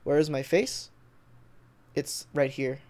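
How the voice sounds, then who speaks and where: Slow and fairly high-pitched with a darkish tone, the American streamer from Texas, who also edits video, reads and answers viewer comments. His informal chat wanders and includes swearing.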